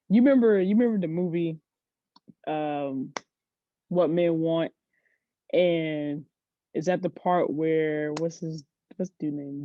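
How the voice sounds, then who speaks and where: A woman's voice: deep voice, no room sound, dull audio. A woman guest on a podcast, chatting casually and telling stories with frequent laughs. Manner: chatty storyteller, laughs often. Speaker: podcast guest, sports agency CEO. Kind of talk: casual interview chat.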